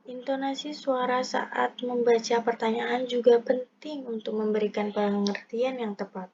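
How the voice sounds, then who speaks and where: A woman's voice: a little high, little pitch movement, unhurried, darkish tone, slight background noise. A young woman reading a scripted lesson aloud, setting out each point one by one in a methodical way. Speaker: presenter explaining punctuation. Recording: dull lo-fi recording.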